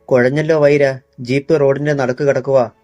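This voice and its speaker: A man voicing a gruff, menacing gang foreman in an audiobook, growling his threats. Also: medium pitch, flat delivery, moderate pace, darkish tone, no room sound, faint music behind, natural voice.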